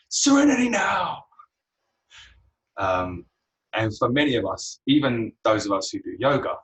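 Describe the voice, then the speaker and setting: A man guiding a yoga class, relaxed and unhurried, with frequent ums. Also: low-pitched, recorded from a distance, low-quality recording. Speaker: yoga teacher.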